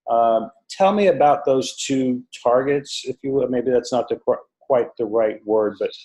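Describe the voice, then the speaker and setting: A man asking conversational interview questions, a little halting as he rephrases them. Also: medium pitch, mellow, rough recording.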